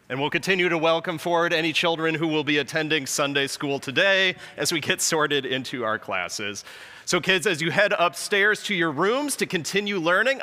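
A man leading a church service, speaking into a pulpit microphone with gentle announcements and invitations that include the children. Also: on the high side. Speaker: worship leader. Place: large church sanctuary, indoors. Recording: long church-hall reverb.

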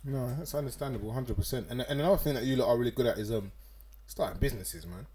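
A young man from Ghana hosting a casual podcast chat, animated and full of slang, his voice leaping up when he makes a point. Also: fast talker. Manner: animated, London slang, jumps up in pitch when making a point. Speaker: podcast host.

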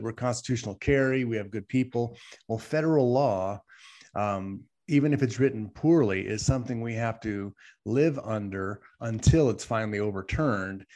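Here a man co-hosting a talk show presses his opinion with emphasis, asking one rhetorical question after another and tagging on "right?" again and again. His voice is mid-range and darkish in tone, and the talk is casual.

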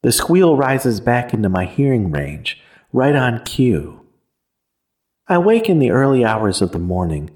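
A man narrating a first-person horror story in a measured, somber way. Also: mid-range voice, very animated, a little mellow.

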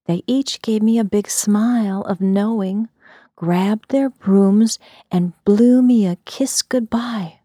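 A woman from the US Midwest telling a story in a soft, breathy whisper. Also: mid-range voice, slow pace, no echo, studio quality.

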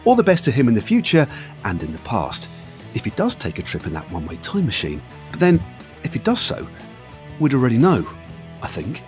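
Podcast host: middle-aged British man, lower-pitched, very animated delivery, chummy and enthusiastic. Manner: matey, enthusiastic, effusive. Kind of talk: casual chatty interview.

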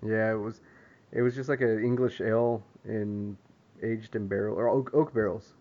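A man co-hosting a podcast in casual chat, laid-back and quick to laugh and swear. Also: lowish voice, steady tone, lo-fi sound. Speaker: podcast co-host.

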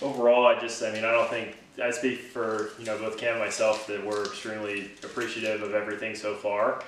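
A man's voice: fairly low pitch, completely flat delivery, a bit bright. A man walking through how he packs orders step by step, casual and thankful, recorded a bit away from the mic in an echoey room with faint noise. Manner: slow, step-by-step explaining, thankful. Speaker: small business owner showing order packing. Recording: roomy echo, a bit distant, faint noise.

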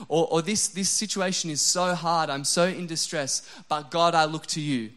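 Animated, emotional male preacher. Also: moderate pace. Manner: animated, self-deprecating, often drops to a soft low voice for prayers. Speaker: pastor. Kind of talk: sermon.

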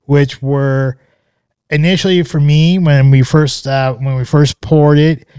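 On a podcast, a male co-host gives a loose, rambling scotch review, relaxed and hesitant, with plenty of fillers and restarts. He speaks unhurriedly in a smooth voice on the high side. It's a dry, studio-quality recording.

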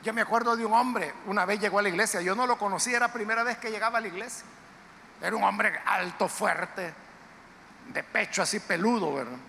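A man preaching a sermon in a church, emphatic and dramatic, with sudden loud outbursts. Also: high voice, a little fast, creaky. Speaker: pastor. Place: church sanctuary. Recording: reverberant church hall, faint background noise.

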